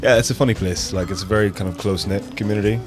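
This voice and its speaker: A Belfast man in his thirties, a DJ and producer, talks quickly in a low voice as an interview guest. He's relaxed and rambling, with lots of fillers, and music plays beneath him.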